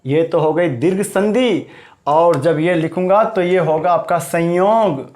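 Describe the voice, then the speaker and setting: A man teaching grammar with a slightly high voice. He hammers on each term, says it again and again, and keeps putting questions to his viewers. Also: measured pace, darkish tone. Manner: emphatic, repeats terms and quizzes the viewer. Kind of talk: classroom grammar lesson.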